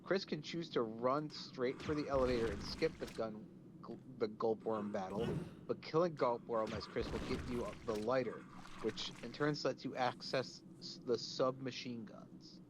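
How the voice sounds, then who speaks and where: A man chatting casually with a co-host while playing a video game, reading out game text in a halting way. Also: mid-range voice, noisy background. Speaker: game streamer.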